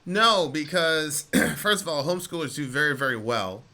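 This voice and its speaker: A man's voice: fairly high pitch, expressive, moderate pace, sharp tone. A man hosting a radio talk show, giving his opinions conversationally to a caller and repeating phrases for emphasis.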